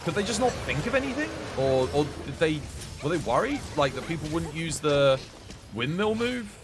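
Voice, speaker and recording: A man's voice: fairly high pitch, very animated, normal speed, music in the background. Streamer man on a headset mic. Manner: chatty, rambling, swears mildly, talks to chat. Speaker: livestreamer. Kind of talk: casual gameplay commentary and chat.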